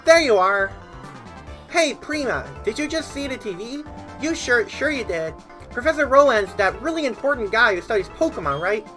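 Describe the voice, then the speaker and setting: A woman voicing a hyper, caffeinated young boy in a high, sped-up chipmunk-like voice while playing a video game. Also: faint music behind. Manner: rushed, excitable. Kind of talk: let's play voice acting.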